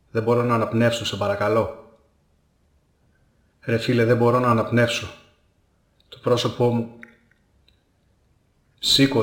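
A man's voice: fairly low pitch, fairly bright tone, roomy sound. A male actor and radio co-host giving a dramatic reading, pleading in short, breathless repeated phrases.

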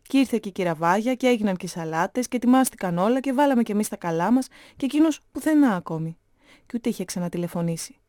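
A woman narrating a story in a steady, measured reading voice. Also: mid-range voice, dry recording, studio quality.

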